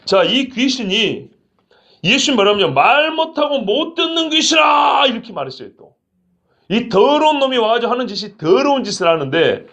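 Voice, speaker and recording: A male pastor preaching an expository sermon, acting out quoted lines with sudden shouts. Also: high-pitched, highs cut off.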